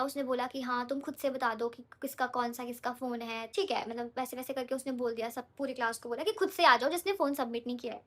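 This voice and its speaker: A chatty young woman tells a storytime while doing her makeup. Her voice is high and bright. She keeps checking in with her viewers as she talks. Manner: chatty, often checks in with "okay?". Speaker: vlogger.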